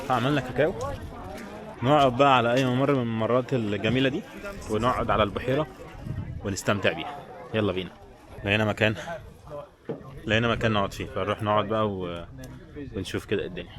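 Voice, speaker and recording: A man with an Egyptian Arabic accent chats informally to viewers as a travel vlogger walking outdoors through a busy tourist village. His voice is lowish and quick, with frequent pauses, and crowd chatter and street sounds fill the background.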